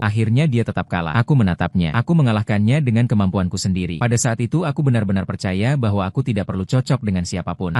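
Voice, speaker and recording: Man, scripted first-person narration, low voice, dry close sound. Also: warm tone, no room sound. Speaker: story narrator.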